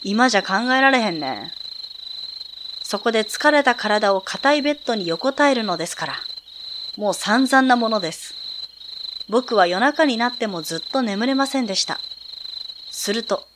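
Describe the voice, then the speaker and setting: A woman reading aloud as a male high school student who calmly tells a ghost story from a sound novel. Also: moderate pace, long pauses, noisy background, lightly acted. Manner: calm, storytelling.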